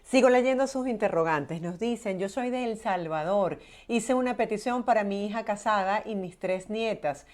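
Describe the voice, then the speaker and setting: A woman's voice: mid-range voice, normal speed, few pauses, a little mellow. Woman host reading viewer questions.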